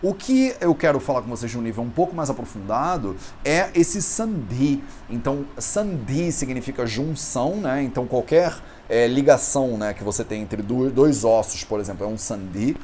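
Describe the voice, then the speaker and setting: A man's voice: mid-range voice, lively intonation, darkish tone, slight background noise. Patient Brazilian man teaching Sanskrit. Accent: Brazilian Portuguese. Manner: patient, repeats words slowly to demonstrate pronunciation. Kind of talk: explanatory online lesson.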